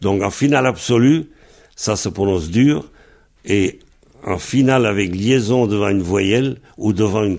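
With a fairly low, creaky, darkish voice, a man teaches how to pronounce Breton, slowly spelling each word letter by letter with patience.

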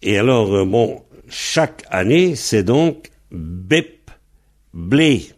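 Male teacher, lowish voice, unhurried, patient, spells words out letter by letter. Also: very animated. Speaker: Breton language teacher. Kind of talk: slow spelled-out language lesson.

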